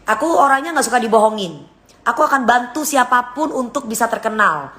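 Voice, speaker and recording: A woman's voice: a little high, animated, brisk, a bit bright. Blunt, lecturing woman chatting to fans. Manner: blunt, lecturing, gives examples, drifts between topics. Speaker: singer talking to her followers. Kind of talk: casual live-stream chat.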